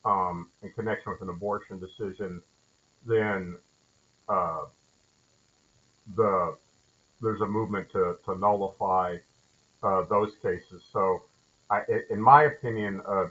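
Low-voiced judge, halting and muffled. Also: male voice, fairly even intonation, fairly bright tone, husky. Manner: halting, thoughtful, many fillers and restarts. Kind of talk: explaining during a training call. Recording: muffled lo-fi audio.

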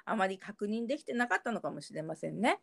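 A woman in casual chat, retelling scenes of a TV episode with expressive, lively delivery. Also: medium pitch, fast, vocal fry.

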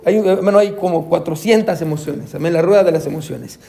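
A man teaching Sunday school as a counselor speaks briskly in a fairly high, mellow voice with vocal fry. He calls listeners "brother," says "amen" often, acts out quoted voices, and mixes in English terms.

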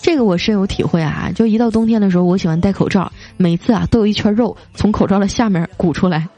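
A woman's voice: mid-range voice, fast talker. A woman hosting a casual show, playfully reading out and teasing listener comments. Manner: playful, teasing, reads jokes with light voiced quotes. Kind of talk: casual chat. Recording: soft music behind.

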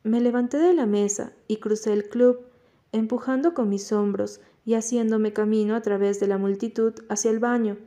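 A woman narrating an audiobook in a calm, measured reading. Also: fairly high pitch.

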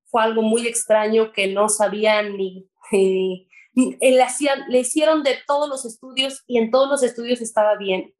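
A woman's voice: on the high side, steady tone, moderate pace, rough recording. Earnest Mexican woman giving her testimony. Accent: Mexican Spanish. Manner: earnest and emotional, with hesitations. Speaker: guest sharing her testimony. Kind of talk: personal faith testimony.

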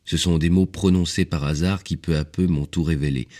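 A man narrating a story for an audiobook in a measured, expressive way. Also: low voice.

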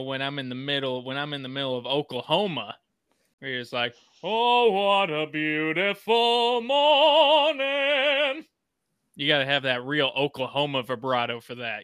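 A man's voice: mid-range voice, fairly even intonation, a little fast, bright, forceful tone, clear, resonant tone, no room sound, clean studio sound. A man co-hosting a podcast in casual chat, joking, laughing often and breaking into bits of show tunes. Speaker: podcast co-host.

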